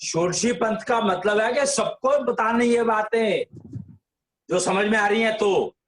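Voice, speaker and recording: A man's voice: high voice, a little slow, fairly bright tone, slight background noise. A man explaining tradition in a casual discussion, insistent and lecturing. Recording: echoey room.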